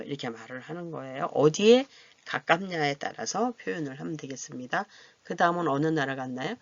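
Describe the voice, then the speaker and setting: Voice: medium pitch, vocal fry, a bit bright, no room sound. A language teacher giving a beginner grammar lecture, patiently repeating each question and model answer. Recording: dull lo-fi recording.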